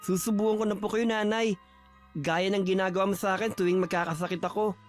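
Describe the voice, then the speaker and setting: A man voicing a gentle, devoted son who speaks softly and politely to his sick mother. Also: high-pitched, fairly even intonation, fast, lightly acted. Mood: tender. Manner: soft, polite, tender. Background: faint music.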